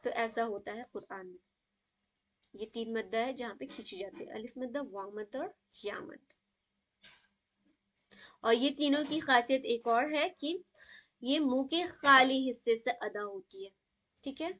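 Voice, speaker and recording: A woman's voice: fairly high pitch, pauses often, fairly bright tone. A woman teaching a live online tajweed class over a video call. She keeps checking in with "okay?" and mixes in English words.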